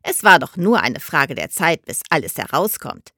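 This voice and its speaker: A brisk older mother, as a woman reader puts her on, snaps her words out curtly and with command. Her voice swings widely in pitch and sits close and dry. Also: very animated, pushed and bright, dry recording, heavily acted. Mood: brisk, stern. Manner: curt, commanding.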